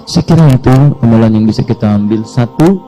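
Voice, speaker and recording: A man's voice: medium pitch, expressive, brisk, warm tone, soft background music. A male Islamic preacher giving a fervent sermon that moves into pleading prayers.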